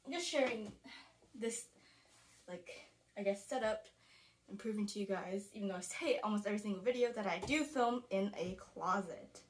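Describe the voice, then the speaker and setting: A woman's voice: medium pitch, moderate pace. A young woman vlogging casually to camera from a small closet, rambling with lots of filler words, hot and a bit out of breath. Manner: rambling, chatty, frequent "like" fillers. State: sweating, a little out of breath. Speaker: beauty vlogger. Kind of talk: casual talking-to-camera vlog. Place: small closet filming space.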